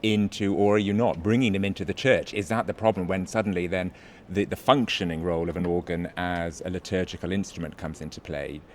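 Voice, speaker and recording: A man's voice: sits low, steady tone, fairly quick. A man interviewing a guest, asking thoughtful, probing questions. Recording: faint background noise.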